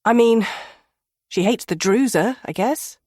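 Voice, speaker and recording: A woman voicing Vera, a wry young woman companion, in an audiobook, with a husky voice. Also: on the high side, a little slow, darkish tone, no echo, clean studio sound. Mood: hesitant.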